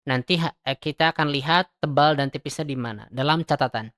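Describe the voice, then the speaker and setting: A man's voice: fairly high pitch, brisk, a bit bright. A man teaching Quran reading in a recorded lesson, drilling Arabic letter sounds syllable by syllable and explaining where the tongue and mouth go.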